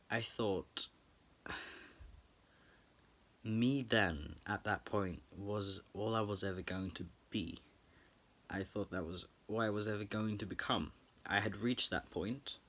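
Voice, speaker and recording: A young man speaking to camera in a late-night personal reflection, earnest and thoughtful, pausing and restarting as he searches for words. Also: lowish voice, sharp tone. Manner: halting, thoughtful, many pauses and restarts. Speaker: vlogger.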